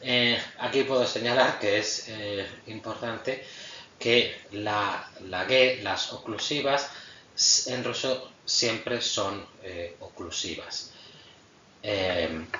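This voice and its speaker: A man giving a patient phonetics lecture as a language teacher, often pausing with fillers, a native Spanish speaker. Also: fairly low pitch, bright, forceful tone, slight background noise. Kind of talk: explanatory lecture. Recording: roomy, distant, muffled mic.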